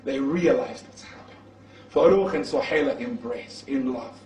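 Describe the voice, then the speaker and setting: A man's voice: medium pitch, lively intonation, moderate pace, darkish tone. A man preaching, who tells a story with energy and acts out its dialogue. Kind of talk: sermon storytelling. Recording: echoey, from far off the mic.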